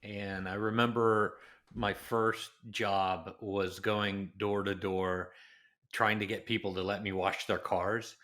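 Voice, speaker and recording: A man from Los Angeles speaks as a podcast guest in a slightly low voice. He is an animated storyteller who jumps into little acted-out quotes along the way, keeping his talk lively and conversational. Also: slow. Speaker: interview guest. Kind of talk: podcast interview.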